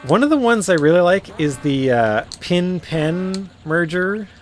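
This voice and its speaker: A man with an Ontario Canadian accent streams a game and chats casually over it, rambling and musing with many fillers and restarts. His voice is high and sing-song at a measured pace. Faint game music and a little hiss or hum sit in the background.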